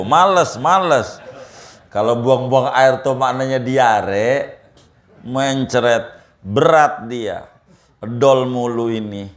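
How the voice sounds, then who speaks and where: A man giving a humorous, folksy religious lecture, mixing in Arabic quotations. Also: on the low side. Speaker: Islamic preacher. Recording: echoey room.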